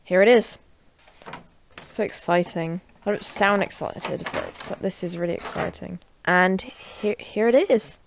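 A woman at her desk at home, casually talking through a product unboxing and gameplay, chatty and offhand, breaking into loud shouts while gaming. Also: mid-range voice, moderate pace, vocal fry, few pauses, a little hiss or hum. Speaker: tech reviewer and gamer.

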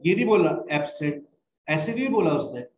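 A man's voice: fairly high pitch, sing-song, moderate pace, a little mellow, slight background noise. A man from Pakistan, teaching spoken English. He explains patiently, slips English phrases into his talk and calls his students "beta". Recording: echoey room.

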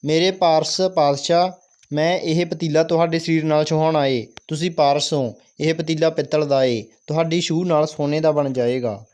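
A man's voice: on the high side, fairly even intonation, normal speed, a little mellow, natural voice. A man reading the part of an eager, devoted old village woman in a school play, in his own voice. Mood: pleading.

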